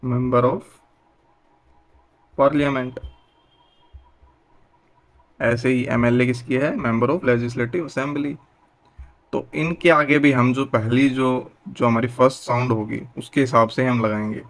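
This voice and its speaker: A man's voice: medium pitch, fairly even intonation, takes it slowly, pauses often. A young adult man teaching a grammar lesson, patient, asking questions and answering them himself.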